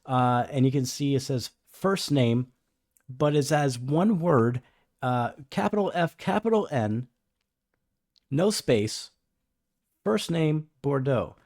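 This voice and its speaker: A man's voice: mid-range voice, expressive, slow, pauses often, darkish tone, dry recording, studio quality. A man co-hosting a podcast in casual chat, musing wryly and repeating himself. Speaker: podcast co-host.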